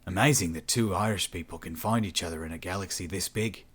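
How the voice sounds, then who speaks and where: A man voicing a remorseful, husky young man. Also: deep voice, fast talker, fairly bright tone. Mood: subdued. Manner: unhappy and hesitant. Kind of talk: audiobook narration.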